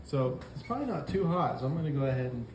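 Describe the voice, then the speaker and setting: A man talks through a recipe in a relaxed, joking way, like a home cook filming his own show. His voice sits at an ordinary pitch. The kitchen around him sounds roomy, with a faint background hum. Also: fast. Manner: easygoing, jokey, folksy step-by-step talk. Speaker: cooking show host. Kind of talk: casual cooking demonstration.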